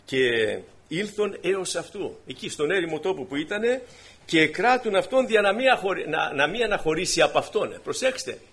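A man preaching a sermon to his congregation, swinging from quiet explanation to emphatic, raised exhortation. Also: high voice, lively intonation, husky. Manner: preaching with emphatic rises and drops, addressing brothers.

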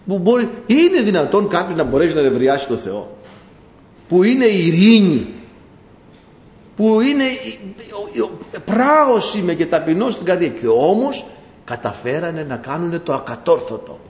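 A man preaching a sermon, lively and animated, acting out the voices of the people he talks about. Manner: animated, acts out voices of people and God in rising pitch. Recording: echoey hall.

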